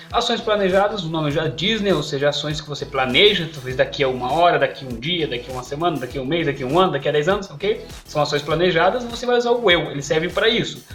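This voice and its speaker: A man's voice: fairly high pitch, fast, hardly any pauses, fairly bright tone, faint music behind. A man giving an online English lesson, who keeps checking in with "ok?" and "perfeito?". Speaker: English teacher.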